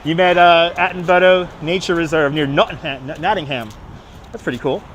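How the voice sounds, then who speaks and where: A fairly high, steady, fairly bright voice at normal speed comes through with lo-fi sound quality. The speaker, a middle-aged man with a Brooklyn accent, hosts a casual live stream while walking busy Manhattan streets, chatting, reading and answering viewers aloud, and repeating himself over outdoor city ambience and street noise.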